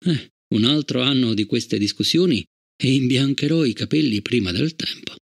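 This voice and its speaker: Un uomo che interpreta in un audiolibro un padre di mezza età, stanco e imbronciato, dal tono basso e cupo. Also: male voice, expressive, moderate pace, creaky, husky. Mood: glum. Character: weary, sulky middle-aged father.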